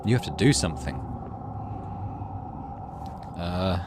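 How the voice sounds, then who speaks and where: A man with a low, animated voice reads a visual novel dramatically at a slow pace, dropping casual asides like a gaming channel host. It's let's-play commentary between readings, with game music and some background noise behind him.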